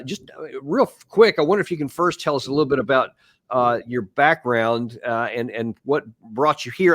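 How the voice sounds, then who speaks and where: A man's voice: medium pitch, fairly bright tone, no room sound. A man hosting an interview, talking loosely with many fillers and restarts. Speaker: interview host. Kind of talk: conversational video interview.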